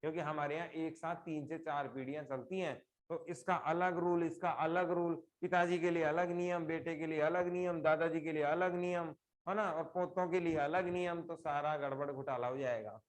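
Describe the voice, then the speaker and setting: A man's voice: a little high, steady tone. Man teaching an online class. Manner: explains slowly with repeated examples, questions students. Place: home or classroom during a live online class.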